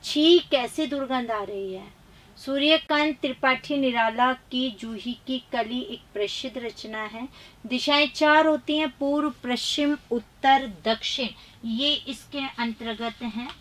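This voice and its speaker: A high-pitched woman runs a live exam-prep grammar class. She reads questions and their options quickly, urges students to answer, and chides them for rote learning in an emphatic teacher's tone. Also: fairly bright tone. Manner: brisk quizzing, reading options and answers aloud; chiding, emphatic.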